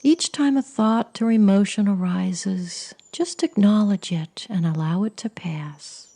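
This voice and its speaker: A woman leading a guided meditation in a soft, soothing, breathy voice that often sinks close to a whisper. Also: medium pitch, a little slow. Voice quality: breathy, husky.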